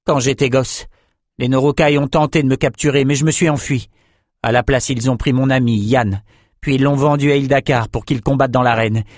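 A man's voice: mid-range voice, fairly even intonation, brisk, dry recording, studio quality, pitched above the performer's own voice, natural voice. A man voicing a young captive swordsman, curt, hostile and weary, in an audiobook. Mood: bitter defiant. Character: young male captive swordsman, bitter and defiant. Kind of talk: audiobook character voice.

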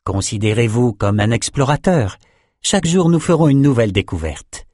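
A man's voice: medium pitch, expressive, moderate pace, a little mellow, no echo, clean studio sound, close to an everyday voice. A man narrating a story voices an unshakably optimistic woman traveler, encouraging and upbeat.

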